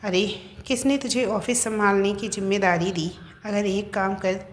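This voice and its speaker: A woman's voice: mid-range voice, steady tone, moderate pace, close to an everyday voice. A woman voicing a scheming young husband who taunts and threatens his wife, in a narrated story. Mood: taunting.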